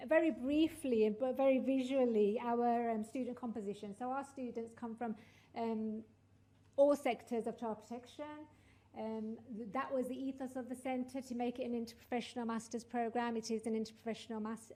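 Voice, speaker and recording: A woman's voice: fairly high pitch, steady tone, moderate pace, dark tone. A woman giving an informal conference presentation in front of an audience, with a hesitant delivery punctuated by frequent ums. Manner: addressing an audience, checking they can hear. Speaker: director of studies giving a conference talk.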